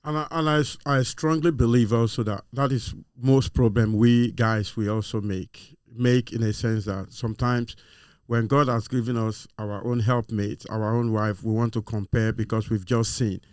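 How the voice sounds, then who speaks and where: A man's voice: mid-range voice, steady tone, normal speed, a little mellow, smooth, no room sound, studio quality. A man in a casual discussion, speaking earnestly and reflectively with some fillers. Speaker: show guest.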